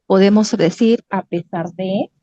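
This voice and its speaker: A woman with a Peruvian Spanish accent teaches academic writing at a steady, patient pace, checking in with her listeners after almost every point. Her voice is warm and mellow. The recording is dry and somewhat dull, as if picked up through a modest microphone. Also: mid-range voice, a little slow, no room sound. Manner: patient, repeats "¿correcto?" and "¿ya?" to check understanding. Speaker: lecturer. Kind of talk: online academic writing lesson.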